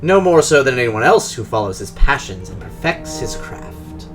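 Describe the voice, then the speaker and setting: With a Russian accent, a man portrays a drone engineer from Russia who is guarded and polished, choosing formal, precise, measured words. The medium-pitched voice sounds natural yet sing-song, over soft background music.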